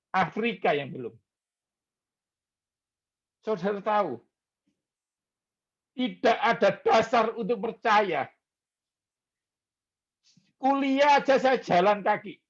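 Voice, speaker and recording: A middle-aged man preaches a sermon in a high, unhurried voice. He tells stories with animation and acts out the voices he quotes. The recording sounds slightly dull and lo-fi. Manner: animated storytelling, acts out quoted voices, addresses congregation as "saudara".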